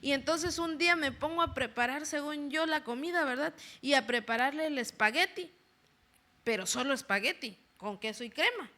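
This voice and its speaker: High, bright-voiced woman preaching. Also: fairly quick, hardly any pauses. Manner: chatty, tags sentences with a questioning "right?", quizzes the congregation. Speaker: lay preacher. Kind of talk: conversational sermon. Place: church service.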